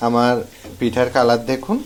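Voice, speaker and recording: A man's voice: mid-range voice, level tone, moderate pace, slight background noise. A young man from Bangladesh, a cooking vlogger, walks through a recipe step by step in a friendly, casual way.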